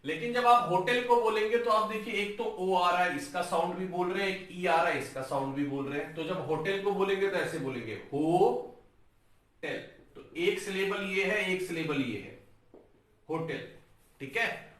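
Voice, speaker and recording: A man teaching an English lesson, sounding out words slowly syllable by syllable and calling his viewers guys. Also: sits high, a bit bright, recorded from a distance. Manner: breaks words into slow, drawn-out syllables, addresses viewers as guys. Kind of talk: classroom-style lesson on a whiteboard. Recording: very echoey room, voice from off-mic.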